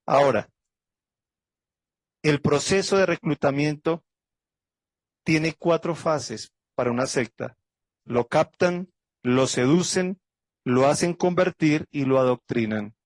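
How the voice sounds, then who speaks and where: A man's voice: fairly high pitch, takes it slowly, long pauses, no room sound. A man pastor teaching a Bible study lecture, going methodically through dates and facts and closing with an earnest prayer. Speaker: pastor teaching a theology class.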